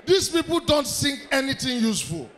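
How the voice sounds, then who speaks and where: A man with a Nigerian accent doing stand-up comedy, loud and commanding as he works the crowd. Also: very high voice, very animated, moderate pace. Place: comedy club stage with live audience. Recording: live crowd, faint background noise.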